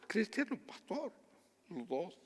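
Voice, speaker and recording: A man from Guatemala preaching a sermon as pastor, earnest and measured, dropping to a hush for personal stories. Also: high voice, very animated, slightly rough, in a large hall.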